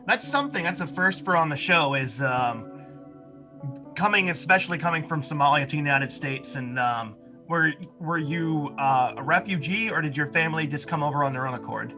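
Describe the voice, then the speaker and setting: A man's voice: a little high, normal speed, music in the background. A man from Maine hosting a show, interviewing a guest in an easygoing, chatty way. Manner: easygoing, chatty, many fillers. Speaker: radio show host. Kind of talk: casual interview.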